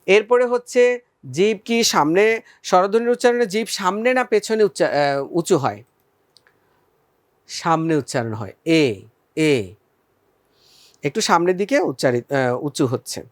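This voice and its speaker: A man gives a recorded school lesson in a fairly high voice, pausing to pose questions and then answer them. He draws out each vowel slowly so students can copy him. The sound is dry and close, with no room echo. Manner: patient, addresses students as friends, asks and answers own questions. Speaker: teacher.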